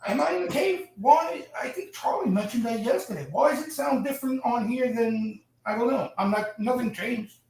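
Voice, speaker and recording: A man's voice: very high voice, moderate pace, gravelly, hardly any pauses, a little mellow, faint music behind. A man from Long Island hosting a trading stream, giving blunt, profane market commentary full of fillers. His voice sounds like it is in a cave. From Long Island, New York. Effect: cave-like echo, far from the mic. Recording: cavernous echo, distant mic.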